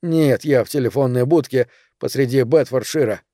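A man's voice: mid-range voice, normal speed, mellow, no echo, studio quality, lightly acted. A man voicing a frightened, self-pitying male writer who talks in a miserable, pleading way.

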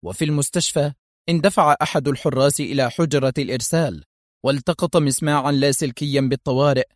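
Man reading an action story aloud, clear measured delivery, dry close-mic sound. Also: mid-range voice, no room sound. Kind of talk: dramatic audiobook narration.

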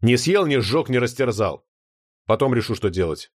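A man's voice: mid-range voice, animated, normal speed, lightly acted. Man doing a gloomy, earnest dragon father.

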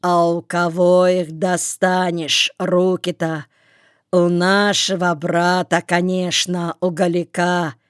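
A woman's voice: on the low side, little pitch movement, slow, clear, resonant tone, dry recording, clean studio sound. A woman voicing a seasoned male tailor who tells a story to a crowd in an audiobook. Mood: confiding. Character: seasoned old male tailor telling a tale.

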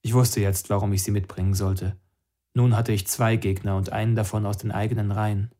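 A man's voice: lowish voice, a little fast. Man narrating a story steadily. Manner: steady, first-person storytelling. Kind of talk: audiobook narration.

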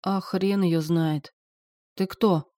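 A woman's voice: on the low side, fairly even intonation, very slow, warm tone, dry recording, studio quality. A woman voicing a menacing, mocking man with a gun, in an audiobook. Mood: sneering. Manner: cold, sneering.

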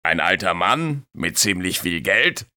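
A man's voice: low voice, sing-song, measured pace, bright, forceful tone, exaggerated voice. A man voicing an older male lifeguard who speaks coolly and matter-of-factly. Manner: cool, matter-of-fact.

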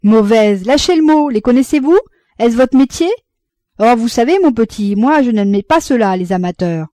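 A woman's voice: fairly high pitch, animated, normal speed, no echo, studio quality, close to an everyday voice. A woman reading aloud, voicing a hot-tempered male painter who bursts out in indignant complaints. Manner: indignant, loud outbursts.

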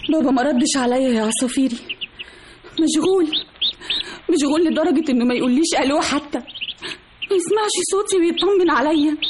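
A woman's voice: high-pitched, fast, long pauses, natural voice. An actress playing a lonely, frightened young woman with an Egyptian accent, speaking tenderly to her birds. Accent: Egyptian Arabic. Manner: plaintive, tender, pleading. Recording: old radio drama with hiss.

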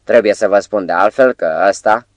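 A man's voice: lowish voice, dry recording, lightly acted. A man voicing a mocking male sidekick with a bleating, goat-like voice and a menacing way of talking, in an audiobook.

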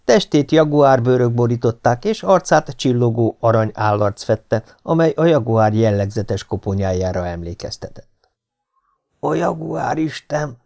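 A man narrating an adventure novel in the first person as an audiobook, in a steady, measured reading. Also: mid-range voice.

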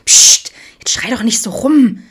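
A woman's voice: on the low side, normal speed, close to an everyday voice. Sly young woman teasing her friends, half stern half joking, woman reading. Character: wry young woman, teasing camp counselor.

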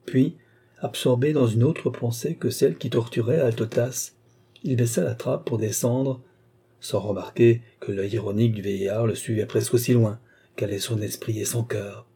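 A man narrating a classic novel as an audiobook, in a steady, literary storytelling manner. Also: medium pitch, moderate pace, vocal fry, husky. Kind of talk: scripted narration.

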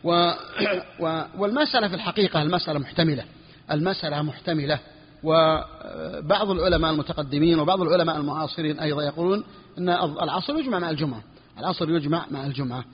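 A man teaching a lesson on Islamic jurisprudence, repeating each phrase for his students and clearing his throat now and then. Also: on the high side, fast talker. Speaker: sheikh teaching Hanbali jurisprudence. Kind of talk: classroom lesson on a fiqh text. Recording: dull, lo-fi recording with long reverb.

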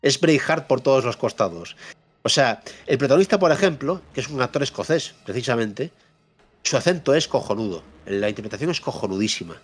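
A man's voice: mid-range voice, lively intonation, brisk, slightly rough. A man hosting a podcast, giving a casual spoken review of a game and repeating points for emphasis. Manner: repeats himself for emphasis, frequent fillers and tag questions.

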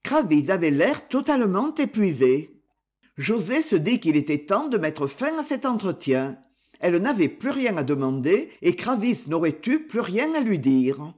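Man, audiobook narration, measured storytelling, lively swinging pitch. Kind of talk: literary novel reading.

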